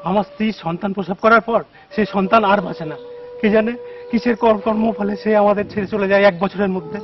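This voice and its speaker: A man's voice: high-pitched, fairly even intonation, fast talker. An actor playing an anxious village husband who eagerly pleads with a holy man for his child. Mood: pleading. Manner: pleading and eager, calling "baba" often. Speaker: village devotee, expectant father. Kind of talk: devotional film acting. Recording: dull lo-fi film soundtrack with faint noise.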